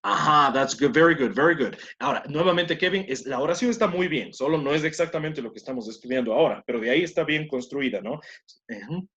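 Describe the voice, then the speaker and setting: A man's voice: a little high, expressive, fast, a bit bright. A man teaching English to Spanish speakers, mixing both languages and praising students often. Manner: encouraging, repeats praise, switches between Spanish and English. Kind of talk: bilingual classroom instruction. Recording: muffled lo-fi classroom audio.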